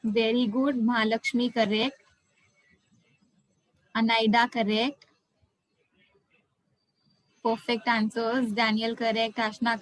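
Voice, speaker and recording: A woman's voice: fairly high pitch, low-quality recording. A woman with an Indian accent teaching an interactive online class as a language teacher, encouraging and full of praise, often repeating herself. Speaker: French teacher.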